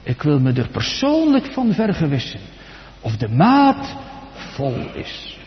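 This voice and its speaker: Slow, dramatic preacher. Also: male voice, wildly swooping pitch, slight background noise. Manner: slow, preaching with sudden rises to loud, high outcries and drops to near-whispers. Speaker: pastor. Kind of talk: sermon. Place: church. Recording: dull recording in a large reverberant church.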